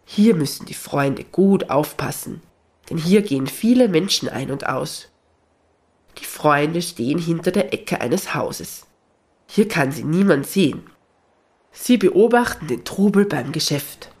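Husky calm storyteller. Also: mid-range voice, a little slow. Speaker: narrator. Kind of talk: children's story reading.

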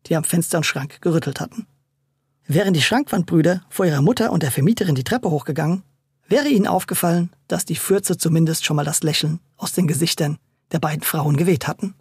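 A storyteller reading a scripted children's story in a lively, playful way. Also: mid-range voice, slightly rough, no echo, studio quality.

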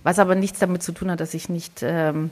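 A woman of Greek background, co-hosting a podcast, talks casually and thinks out loud with many restarts and quick laughs. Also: lowish voice, little pitch movement. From Greek family background. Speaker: podcast co-host. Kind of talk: casual conversation.

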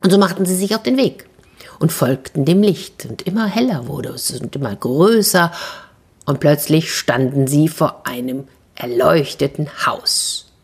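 A woman narrating a fairy tale for children in a lively, chatty way with little asides. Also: sits low, measured pace, breathy edge. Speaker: storyteller.

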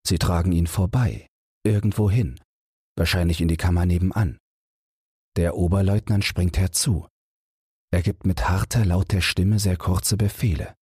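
Deep husky bedtime audiobook narrator, a man. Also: no room sound, studio quality. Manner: measured, gentle, unhurried storytelling. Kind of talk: calm bedtime audiobook reading.

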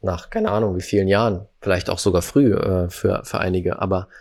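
Man, low voice, earnest reflective podcast co-host, emphatic. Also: fairly even intonation, fairly quick, darkish tone. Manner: earnest, emphatic, acts out quotes. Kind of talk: casual reflective conversation.

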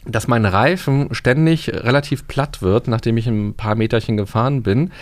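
A resilience coach speaks casually in a podcast studio, his mid-range voice slowing to stress key words. He explains his ideas through everyday examples.

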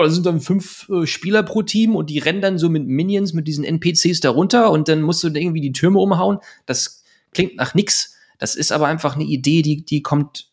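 A German man in his thirties, a podcast guest, talking in a fast, rambling way with many fillers and restarts. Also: on the high side. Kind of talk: casual podcast interview.

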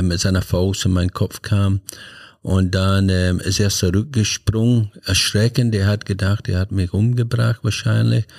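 Low flat-voiced older man. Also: creaky, dry recording, clean studio sound. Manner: halting, many fillers and restarts. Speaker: podcast guest. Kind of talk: personal storytelling.

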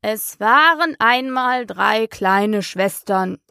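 A woman reading the part of a sleepy, grumpy dormouse in a storybook, with a hoarse, weak voice and a slow, drowsy, touchy manner. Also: fairly high pitch, lively intonation, pushed and bright, no echo, clean studio sound, heavily acted. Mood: drowsy grumbling.

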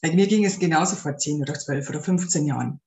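A woman's voice: sits low, quick pace, a little mellow. A woman hosting an advice podcast as a spiritual life coach, talking earnestly and directly to the listener. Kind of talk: casual spoken advice podcast. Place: room at home with a window. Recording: roomy echo.

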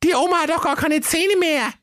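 Man doing a fussy little fairy-tale girl: sky-high squeak, excitable, northern German. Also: moderate pace. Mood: puzzled. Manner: excitable and chatty. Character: cheeky, fussy little red-hooded girl.

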